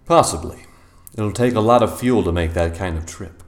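A man's voice: on the low side, moderate pace, faint music behind, lightly acted. An actor playing a world-weary, wisecracking male space detective who narrates in noir style and flirts with his client. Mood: flirtatious. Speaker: narrator and lead character.

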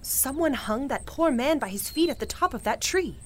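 A woman's voice: sits high, expressive, moderate pace, slight background noise. A woman playing a sensible, concerned space traveler in an audio drama, with earnest delivery. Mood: worried.

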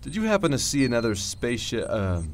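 A man playing a calm, decisive space-adventure hero and storyteller in an audio drama, measured and matter-of-fact. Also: medium pitch, a little hiss or hum. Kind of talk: scripted narration and audio drama acting.

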